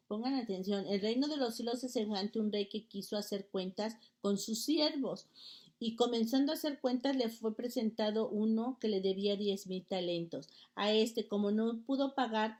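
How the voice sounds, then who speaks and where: A woman's voice: medium pitch, a little mellow. Woman preaching and reading scripture. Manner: reads aloud with stumbles and restarts, addresses "hermanos".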